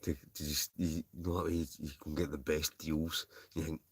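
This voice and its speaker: A man's voice: extremely low pitch, level tone, moderate pace, breathy edge, dry recording. A Scottish man chatting casually to livestream viewers in a rambling, chuckling, easily sidetracked way. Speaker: livestream host. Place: inside a tent.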